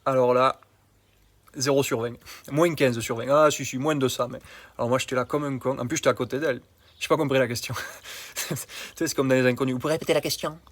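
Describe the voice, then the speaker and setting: A man's voice: medium pitch, fairly even intonation, fairly quick, pauses often, no echo. Chatty male health coach vlogging. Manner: colloquial and familiar, addresses the viewer directly. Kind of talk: casual vlog monologue.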